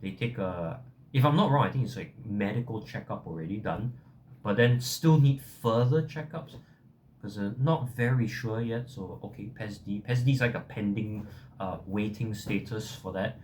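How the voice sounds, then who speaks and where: A young man with a Singaporean accent talks casually to his viewers in a fairly low voice. He hesitates, backtracks and is self-deprecating as he rambles along. There is some noise in the background of the recording. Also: normal speed, darkish tone. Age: young adult. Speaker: vlogger.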